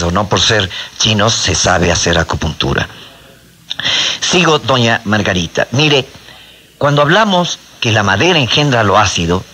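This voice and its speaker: A man's voice: on the low side, bright, forceful tone, breathy edge. A man explains medical ideas to a host, often repeating small words as he searches for the next one. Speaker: acupuncture and medicine guest expert.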